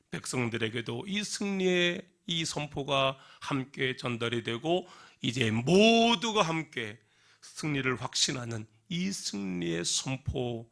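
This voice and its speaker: A male pastor preaching a sermon in a lively way, often putting questions to the congregation. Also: mid-range voice, creaky. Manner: animated, asks the congregation questions. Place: church.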